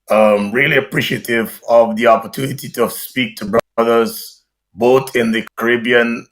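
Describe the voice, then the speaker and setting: An older man with a Guyanese accent answers interview questions over a video call. He speaks formally, in measured and articulate sentences. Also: medium pitch, rough recording. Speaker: guest, retired army officer.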